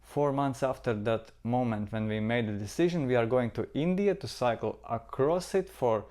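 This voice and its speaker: A Latvian travel vlogger with a Latvian accent talks casually to the camera, earnest and reflective, repeating words for emphasis. His voice sits at medium pitch, slightly mellow, at a moderate pace.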